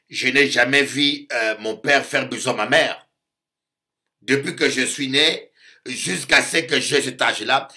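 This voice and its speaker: An African man delivers a sermon in the role of a bishop, speaking in a mid-range voice. He is animated, repeats phrases for emphasis and often acts out other people's voices.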